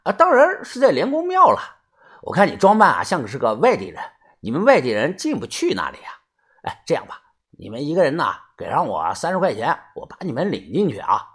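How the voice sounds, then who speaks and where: A man voicing a pushy long-haired middle-aged male hustler who pitches in a hushed, wheedling way. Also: wildly swooping pitch, a little fast, slightly rough, heavily acted.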